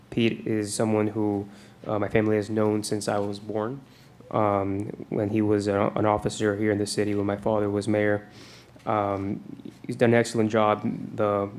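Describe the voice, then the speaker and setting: A man with a lowish, somewhat dark voice acts as mayor, chairing a formal public meeting with procedural business and remarks. He's picked up by a meeting room microphone, with clear background noise.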